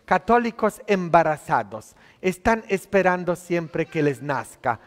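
A priest in his thirties who isn't a native Spanish speaker preaches from the altar in a conversational homily built on tag questions. His voice is a little high, with big pitch swings and a measured pace, echoing in long church reverb.

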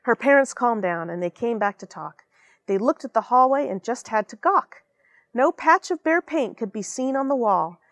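Speaking in a fairly high, expressive voice at a moderate pace with no room sound, an American woman in her forties reads a picture book for children. She's an astronaut in a small space station airlock filled with equipment, using dramatic emphasis and chatting warmly to her young audience.

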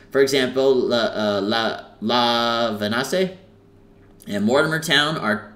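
Young male gamer, casual rambling commentary at a desk mic, mid-pitched voice, lots of restarts. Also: fairly bright tone. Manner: rambling and chatty, with many fillers and self-corrections. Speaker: gaming channel host.

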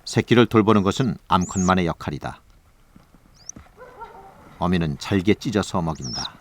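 Low-voiced male nature documentary narrator. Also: lively intonation, normal speed, slight background noise. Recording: voice over background music. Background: music.

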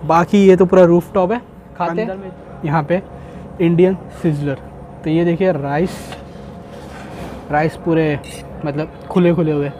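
A man's voice: fairly high pitch, little pitch movement, unhurried, long pauses, background noise. A young man vlogging a casual food review, chatting as he tastes dishes at an outdoor rooftop restaurant. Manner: chatty, tastes and comments between bites.

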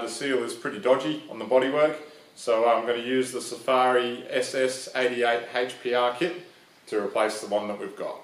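A young man with an Australian accent talks through a job in a relaxed, plain-spoken way, filling pauses with ums and uhs. His voice sits at an ordinary middle pitch. The sound bounces around a big metal workshop shed, picked up by a camera a few metres off. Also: echoey room. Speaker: vlogger. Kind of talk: casual how-to explainer.

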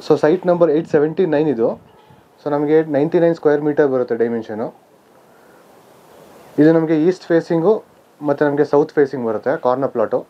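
On the high side and fairly quick, this man's delivery is broken by long pauses as he guides a walking tour of vacant residential plots for real estate. He lists figures plainly, with many "aa" fillers and self-corrections. His camera mic outdoors yields slightly dull audio and faint ambience.

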